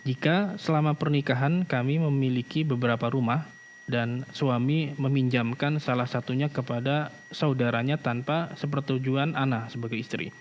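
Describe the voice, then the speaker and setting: A man's voice: mid-range voice, fairly even intonation, moderate pace, a little hiss or hum. A man moderating a live religious Q&A, reading viewers' questions aloud in a polite, formal way.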